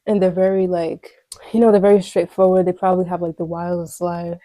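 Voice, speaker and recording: A woman talks her way through writing a script in a relaxed vlog, rambling and chatting to herself as ideas come. Her voice is soft and mellow. The sound is close and dry. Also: fairly low pitch, brisk, dry recording, low-quality recording. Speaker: aspiring screenwriter vlogger. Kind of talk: casual think-aloud screenwriting vlog.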